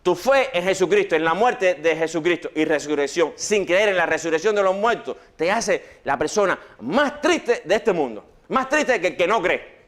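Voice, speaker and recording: Male preacher, higher-pitched, lively sermon delivery. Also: moderate pace. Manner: animated preaching, swings from loud questions to hushed quoting. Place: church.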